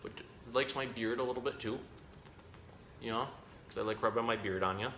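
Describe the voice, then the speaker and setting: A zookeeper hosting an animal storytime gives children a casual, chatty lesson, keeping explanations simple and correcting himself along the way. His medium-pitched voice is brisk with a sharp edge. The room echoes, with faint noise in the background.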